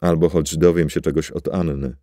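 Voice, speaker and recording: A man's voice: extremely low pitch, steady tone, normal speed, mellow, no echo, clean studio sound. A male audiobook reader voicing a weary, regretful man who speaks in a subdued, sighing way.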